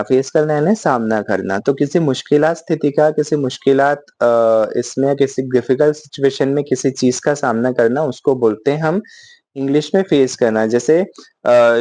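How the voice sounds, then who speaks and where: Dry-voiced Hindi teacher explaining vocabulary. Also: male voice, mid-range voice, mellow, no room sound. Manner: explains slowly, often asks "ठीक है?", fillers; reads English example sentences very slowly. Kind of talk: spoken Hindi lesson mixing English.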